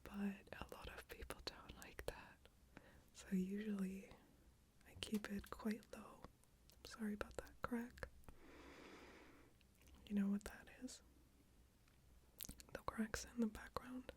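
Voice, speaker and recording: A woman speaking in a hushed, breathy near-whisper, rambling casually and a little self-consciously in a bedtime ASMR style, with hesitant pauses. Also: medium pitch, steady tone. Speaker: ASMR video creator. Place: small closed room with screens and a PC. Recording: faint background noise, occasional crackles and clicks. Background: occasional crackling from screens and PC.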